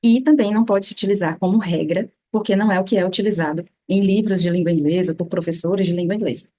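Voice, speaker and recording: Brazilian woman teaching pronunciation, mellow tone. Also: medium pitch. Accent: Brazilian Portuguese. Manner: slow demonstrative repetition of sounds. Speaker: English teacher. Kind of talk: pronunciation lesson.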